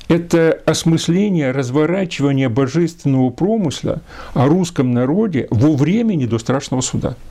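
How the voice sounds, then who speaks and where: Guy lecturing, lots of ums, gravelly mellow voice. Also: medium pitch. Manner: hesitant, many filler sounds. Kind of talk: unscripted lecture.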